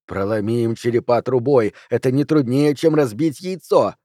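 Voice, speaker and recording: A man reading an audiobook, voicing a sinister inner voice that urges murder in low, slow tones. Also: mellow, dry recording, clean studio sound, close to an everyday voice. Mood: urging. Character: sinister whispering inner voice urging murder, male.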